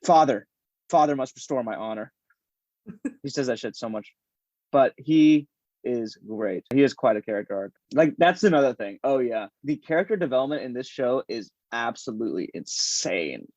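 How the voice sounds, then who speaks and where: A man talking loosely on a podcast, animated and rambling, laughing often as he goes. The sound is dry and a little muffled, like a low-fi home recording. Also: moderate pace, no room sound. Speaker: podcast guest. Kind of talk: casual chat.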